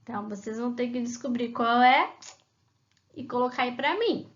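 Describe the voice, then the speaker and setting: A woman's voice: a little high, normal speed, lo-fi sound. A woman teacher talking children through a worksheet in a remote class, patient and sing-song when she reads the rhymes aloud.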